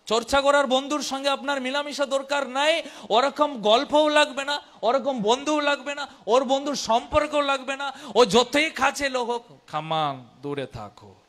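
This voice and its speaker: A man's voice: extremely high pitch, moderate pace, fairly bright tone. A man preaching a sermon in Bengali learned as a second language, with a foreign accent, exhorting listeners with repeated phrases and rhetorical questions. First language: not Bengali, learned it as an adult language.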